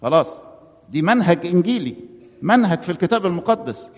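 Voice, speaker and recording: A man with an Egyptian Arabic accent delivers a sermon in a slightly high voice. He poses rhetorical questions and answers them himself, and he slows down to lean on scripture quotes. The recording is muffled and rings with long church reverb. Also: big pitch swings. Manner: quotes scripture slowly and emphatically.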